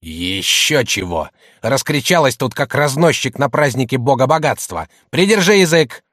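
A man's voice: mid-range voice, lively intonation, moderate pace, a bit bright, no echo, clean studio sound. A man reading an audiobook, voicing a middle-aged shopkeeper who wheedles and then bullies his wife. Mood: angry. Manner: gruff, by turns placating and bullying. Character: rough, boastful male shopkeeper, middle-aged, blustering.

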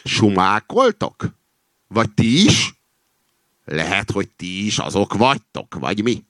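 A man voicing a suspicious, touchy male fox in a fable reading, with high agitated accusing outbursts. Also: wildly swooping pitch, fairly bright tone, no echo, clean studio sound. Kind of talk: acted reading of a satirical fable.

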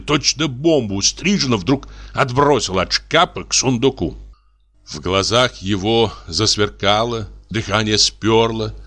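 A man narrating a story in an expressive, dramatic storytelling manner. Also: lowish voice. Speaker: audiobook narrator. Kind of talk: scripted narration.

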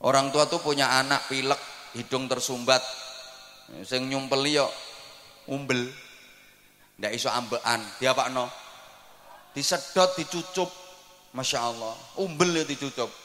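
A man with an East Javanese accent preaching a sermon to a hall audience, swinging from soft asides to shouting. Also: mid-range voice, steady tone, unhurried, pauses often. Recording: echoey hall reverb.

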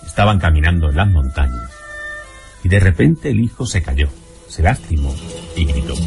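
A man giving a scripted, measured narration in a calm advising tone, with guitar music underneath. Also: low-pitched.

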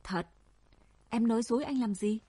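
A woman reading a storybook voices a gentle young village man coaxing a frightened friend home, with a husky voice. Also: on the high side, normal speed, dry recording. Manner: soft pleading reasoning.

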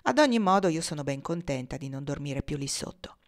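Woman voicing a cunning enslaved woman, icy, mocking, calm, quiet, storybook reading. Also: low-pitched, fairly quick, pitched below the performer's own voice. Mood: sly taunting.

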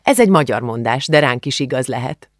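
A hospitable older woman who runs a small bookshop, ushering guests in, as a male narrator puts her on. The audiobook voice sits at a middle pitch and sounds dry and close. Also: animated, no echo, lightly acted. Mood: welcoming. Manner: hospitable, inviting.

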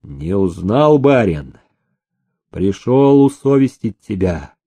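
Man doing a booming bearded young serf. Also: slow, heavily acted. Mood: defiant. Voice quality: booming, steady. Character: bold bearded young serf, fearless and stern.

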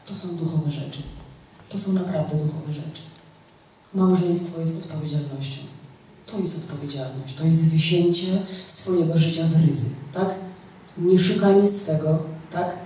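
A woman's voice: deep voice, fairly even intonation, moderate pace, warm tone. A woman teaching a church group, stressing her points by repeating phrases and asking "tak?" to check that listeners follow. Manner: emphatic, repeats key phrases, asks "tak?". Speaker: women's teacher. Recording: echoey room, mic far off, faint noise.

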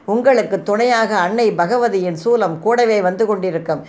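A woman's voice: medium pitch, normal speed, a little mellow, close to an everyday voice. A woman voicing the corpse of a slain male prince who taunts his betrayer with mocking, accusing questions in a storybook reading. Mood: taunting.

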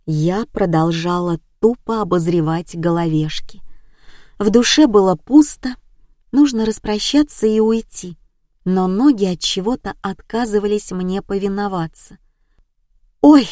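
Woman audiobook narrator, even first-person storytelling, mid pitch, dry booth sound. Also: a little slow, no echo.

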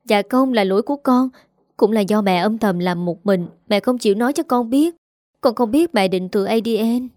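Woman reading a remorseful young daughter, pleading, apologetic, medium pitch, dry. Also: moderate pace, a little mellow, no echo, lightly acted.

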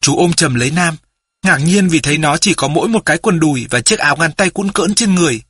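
A man narrating a children's story audiobook in a steady storytelling manner. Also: on the high side, fast, husky, no room sound, clean studio sound.

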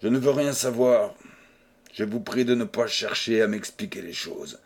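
A man's voice: mid-range voice, moderate pace, a little mellow, breathy edge. A man reading an audiobook voices a proud old baron who scolds a young man with stiff, formal indignation. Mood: indignant. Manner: indignant, stiff and formal, then coldly businesslike. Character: stern proud old male baron, outraged.

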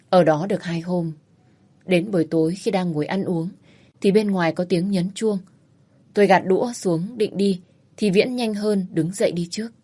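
A woman's voice: lowish voice, mellow. A woman narrating a first-person audio story as a flustered, hesitant wife.

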